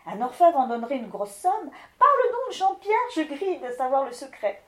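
A woman voicing a curious, excited peasant wife who pesters her husband with questions in a storybook. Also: high-pitched, normal speed, echoey room, pitched above the performer's own voice. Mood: eager. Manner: eager, prying questions.

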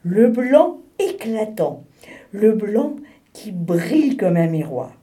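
A woman's voice: mid-range voice, big pitch swings, slow, mellow. A woman voicing a stubborn polar bear in a storybook reading, speaking earnestly and insistently.

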